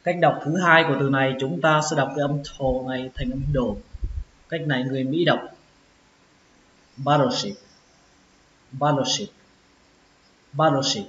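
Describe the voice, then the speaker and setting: A man giving a pronunciation lesson, sounding out each word slowly and repeating it several times. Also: medium pitch, steady tone, a bit bright. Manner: slow, drawn-out repetition of words. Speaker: English teacher. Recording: echoey, dull lo-fi with faint hiss.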